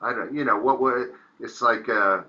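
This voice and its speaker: A man's voice: medium pitch, moderate pace, bright, forceful tone, muffled recording. A man who does voiceover work, chatting and joking on a podcast in a rambling, casual way. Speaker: voice actor, co-host.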